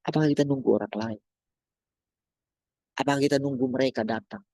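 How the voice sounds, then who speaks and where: A man delivers a sermon, addressing listeners as brothers and sisters and firing off rhetorical questions while swinging between loud and soft. His voice is medium-pitched and a little fast, in a dry recording.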